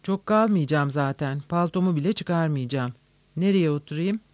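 Nervous insistent gentleman, sharp demands, dry sound, a man reading, story reading. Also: on the high side, normal speed, no echo, highs cut off, natural voice. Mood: demanding. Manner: insistent, sharp, shouting at times.

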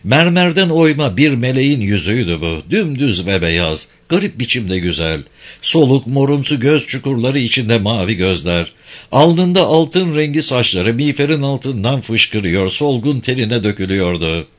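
A man narrating a war novel as an audiobook, with tense, expressive storytelling. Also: medium pitch, normal speed.

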